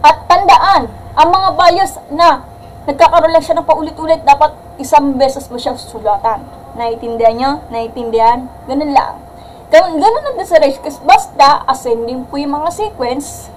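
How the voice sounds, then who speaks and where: A woman math teacher giving a live-streamed algebra lesson in a loud voice that sounds angry, mixing English terms in and checking with "gets?". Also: high voice, moderate pace, slight background noise, rough recording. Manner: mixes English terms into Filipino, asks "gets?".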